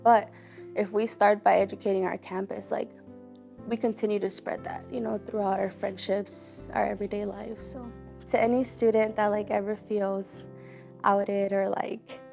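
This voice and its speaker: Young female college student born in Mexico, raspy low fry at phrase ends, casual earnest testimony, faint music underneath. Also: little pitch movement, moderate pace, a little mellow. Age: young adult. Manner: casual, lots of "like" fillers, earnest. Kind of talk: personal testimony.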